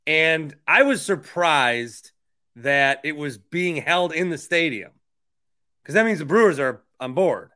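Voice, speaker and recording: An American man hosting a podcast interview, chatting casually about sports and politics in a rambling way with animated asides. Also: fairly high pitch, a little slow. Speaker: podcast host interviewing a guest.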